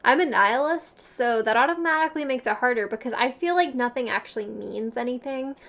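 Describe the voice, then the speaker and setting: A woman's voice: on the high side, animated, fairly quick, creaky, fairly bright tone. A young woman with a Valley Girl accent chatting casually as a livestream host, giggly and slangy, peppering her talk with "like". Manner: frequent "like" filler, slangy; giggly, laughs often between phrases.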